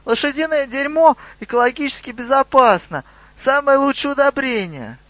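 A man's voice: very high voice, animated, normal speed, sharp tone, no room sound, lo-fi sound, voice pushed up, full character voice. A man voicing a small cheeky male goblin in a raised, giggly voice.

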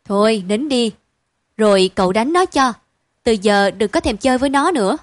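A woman's voice: on the high side, lively intonation, moderate pace, dry recording, close to an everyday voice. A woman voicing a mild father who scolds without meaning it, in a storybook reading. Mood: gentle. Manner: mock-stern, gentle. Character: mild, indulgent young father.

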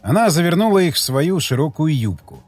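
A man narrating a tense first-person story in an expressive reading voice. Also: on the high side, brisk, slightly rough, no echo. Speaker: audiobook narrator. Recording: dry close mic with faint music.

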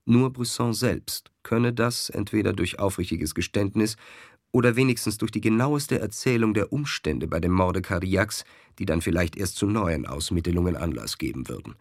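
A man reading a classic German story aloud in a measured narration. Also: sits low, expressive, dry recording, clean studio sound. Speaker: audiobook narrator. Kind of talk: scripted literary narration.

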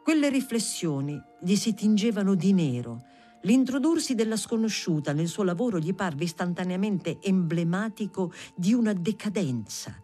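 A reader narrating a novel aloud in a measured, deliberate way. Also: mid-range voice, mellow. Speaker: audiobook reader. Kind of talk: literary audiobook narration.

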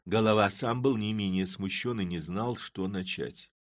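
A man narrating classic prose in an animated, dramatic audiobook reading. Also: fairly low pitch, moderate pace, no echo, clean studio sound.

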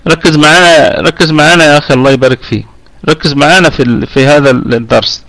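Man, Egyptian Arabic accent, tajweed teacher, slightly high voice, patient, self-correcting, live online class. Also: fast, fairly bright tone. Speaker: Quran recitation teacher.

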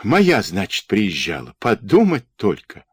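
Male narrator reading a cocky young soldier, folksy and teasing, lively swinging pitch, low voice. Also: unhurried, breathy edge, no echo, studio quality, full character voice. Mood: jovial. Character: jovial boastful young male Red Army soldier.

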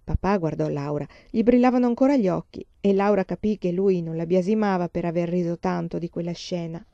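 A woman reading a novel aloud in a calm, even storytelling voice. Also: fairly low pitch, brisk, gravelly, no echo, lo-fi sound. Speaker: reader. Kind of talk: audiobook reading.

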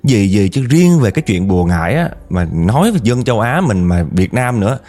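A man casually telling a ghost story to his viewers, his voice climbing when he quotes angry outbursts. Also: a little fast. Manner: animated, rises in pitch when quoting angry speech.

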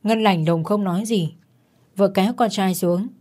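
A woman narrating a dark story in a tense, dramatic manner. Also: mid-range voice, normal speed.

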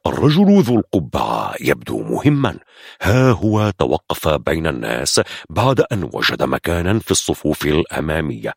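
A man with a husky voice retelling a film as a suspenseful, expressive story. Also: a bass voice, moderate pace, no room sound, clean studio sound.

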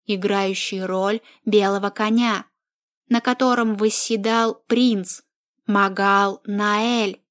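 A woman reading a story aloud as narrator, in an amused storytelling manner. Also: medium pitch. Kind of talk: audiobook reading.

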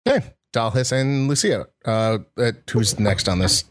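A man acting as game master, describing scenes in a relaxed, chatty way. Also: medium pitch, no echo, clean studio sound. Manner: relaxed, descriptive, quick asides. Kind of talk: narrating a tabletop game.

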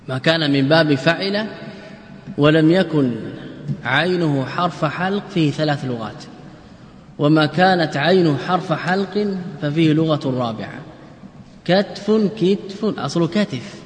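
A man's voice: on the high side, slight background noise. A man teaching a class as an Islamic scholar. He asks his students questions, answers them himself, and repeats words as he explains. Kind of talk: classroom lecture on jurisprudence and grammar. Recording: echoey hall recording.

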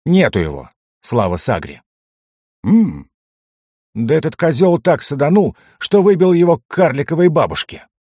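A man's voice: on the high side, very animated, normal speed, no echo, studio quality, voice pushed up. A man voicing a grumbling male gnome who wails over his losses. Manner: loud, lamenting.

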